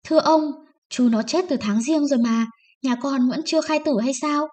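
A woman's voice: sits high, normal speed, darkish tone, pitched above the performer's own voice, lightly acted. A woman voicing a poor, desperate peasant wife who pleads and sobs, raising her voice above her reading tone. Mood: pleading. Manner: pleading, sobbing.

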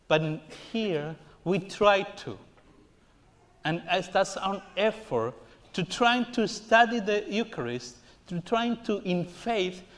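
A male priest with a high voice delivers a slow, earnest homily, lightening it with playful jokes at his own expense. He stands before the altar in a large church sanctuary, picked up by a distant camera at the back.

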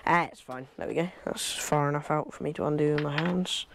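A man's voice: a little high, a little fast, gravelly, noisy background. A young man from England chatting casually to camera as he works in a cluttered wooden shed, recorded on a clip-on lapel mic, rambling as he goes. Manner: chatty, rambling, talks while working with hands. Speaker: fishing vlogger. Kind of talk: casual vlog commentary.

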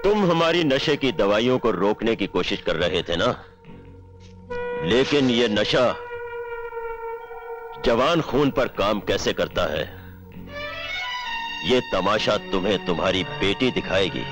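An actor playing a cruel male drug-lord villain who talks slowly, gloats and threatens in a film scene. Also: on the low side, lively intonation, music in the background. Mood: gloating. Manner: slow, gloating and menacing. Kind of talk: Hindi film acting.

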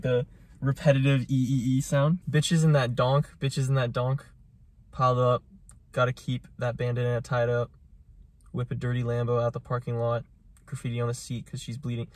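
A man co-hosting a casual music reaction chat, puzzling over lyrics aloud with quick laughs. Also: mid-range voice, little pitch movement, a little mellow. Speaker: reaction video co-host.

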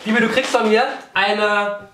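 A man's voice: high-pitched, little pitch movement, slow pace. A man, chatting casually and playfully as a video host. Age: 20s. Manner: playful, egging on his partner. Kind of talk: casual chat. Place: small indoor room. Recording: echoey room, off mic, faint music.

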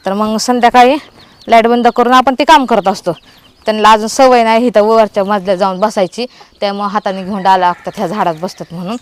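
A woman with a smooth, medium-pitched voice tells her vlog viewers a story in an animated retelling, acting out the quoted dialogue herself.

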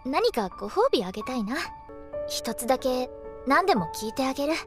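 Bashful, affectionate anime girl princess: soft, coy delivery with lively high pitch. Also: fast talker, over music. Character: shy, sweet, affectionate teenage anime princess. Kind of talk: Japanese anime acting.

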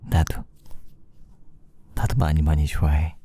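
A man playing a sweet, doting boyfriend in an ASMR role-play, murmuring tenderly and softly to his girlfriend with a breathy voice. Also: rumbling low, completely flat delivery, unhurried, full character voice. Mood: loving, affectionate. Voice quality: soft, breathy. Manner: tender, affectionate, teasing murmur.

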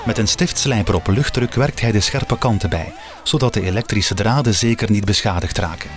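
A man's voice: lowish voice, a little fast. Male voice-over narrator. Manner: calm, even, explanatory. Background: guitar music.

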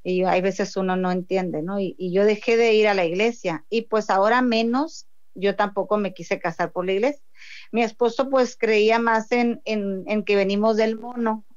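A woman's voice: medium pitch, steady tone, moderate pace, highs cut off. A woman with a Mexican accent giving a heartfelt personal faith testimony, often restarting her sentences. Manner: heartfelt storytelling with frequent restarts.

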